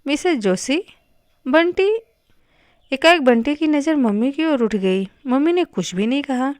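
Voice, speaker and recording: A woman reading a novel aloud with expressive, measured storytelling on a close microphone. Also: sits high, no room sound. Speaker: narrator. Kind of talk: audiobook reading of a Hindi novel.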